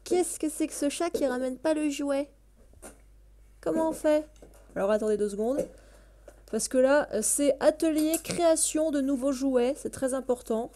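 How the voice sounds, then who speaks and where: A woman's voice: sits high, moderate pace, dark tone. A woman giving casual, chatty gameplay commentary at home on a headset, gushing and exclaiming and chatting to her cat between bits of play. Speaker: let's play gamer. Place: home room, indoors.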